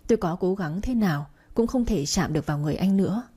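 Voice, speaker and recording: A woman's voice: mid-range voice, expressive, fast talker, warm tone, husky. A woman narrating a first-person romance story in a mournful, emotional way, like an audiobook reading.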